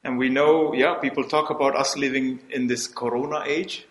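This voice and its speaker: A man who grew up in the Middle East, preaching a sermon in a measured style and pausing for an interpreter. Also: mid-range voice, steady tone, a bit bright, reverberant. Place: hall without audience.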